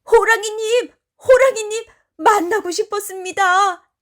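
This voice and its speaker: A woman voicing a devoted young son who pleads loudly and politely in a storybook tale. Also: high voice, lively intonation, measured pace. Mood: eager. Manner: loud, eager, polite pleading.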